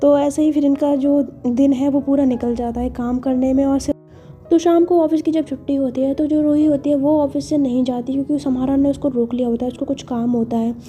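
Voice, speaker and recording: A woman's voice: high voice, level tone, fairly quick, dark tone, soft background music. A woman telling a romance story in a chatty, casual way, full of fillers.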